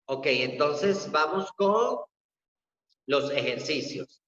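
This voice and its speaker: A male teacher leading an online class and explaining each step slowly and methodically. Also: on the high side, expressive, a bit bright. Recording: echoey dull lo-fi room audio.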